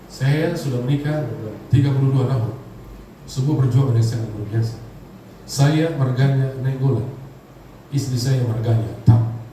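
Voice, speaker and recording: A man's voice: mid-range voice, fairly even intonation, moderate pace, pauses often, dark tone. Man preaching in an echoey church hall. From Indonesia. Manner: humorous preaching, calls on the congregation to respond. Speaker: pastor. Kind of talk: sermon. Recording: echoey hall, distant mic, background noise.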